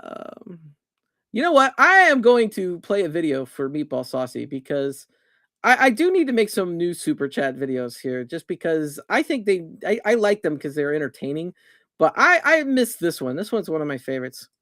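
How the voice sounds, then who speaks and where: Middle-aged man, casual stream host, fairly high voice, dry close sound, chuckles and rambles. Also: very animated, moderate pace, fairly bright tone, no room sound. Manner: rambling, chuckling, self-correcting. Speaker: streamer hosting a weekly game chat. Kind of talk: casual livestream chat.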